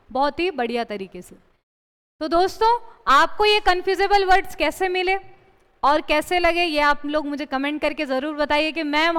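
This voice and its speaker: A woman teaching an exam-prep English lesson, explaining in Hindi, reading English example sentences slowly and asking the class questions she then answers herself. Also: high voice, fairly bright tone, big-room sound.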